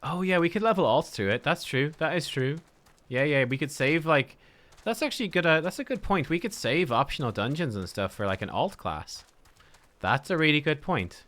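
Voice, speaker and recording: A man's voice: a little high, animated, normal speed, a bit bright. A man chatting casually as he streams himself playing a game. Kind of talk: casual gameplay chat.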